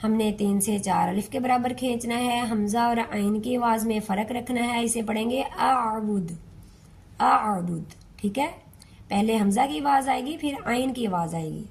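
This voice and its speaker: Woman, tajweed teacher, slow drawn-out recitation, patient repetition. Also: a little high, darkish tone. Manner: patient, repeats words, stretches recited syllables. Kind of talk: slow step-by-step recitation lesson.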